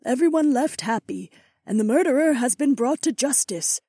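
A man voicing a gentle, grateful young queen in an audiobook, speaking softly. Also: very high voice, expressive, moderate pace, breathy edge, no room sound, clean studio sound, pitched above the performer's own voice, heavily acted. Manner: soft-spoken, gentle. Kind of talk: audiobook character voice.

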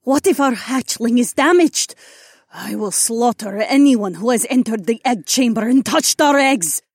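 A man's voice: sits high, lively intonation, measured pace, a little mellow, no echo, studio quality, pitched above the performer's own voice. A man narrating an audiobook, voicing a proud, fierce female dragon who scoffs and threatens. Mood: furious.

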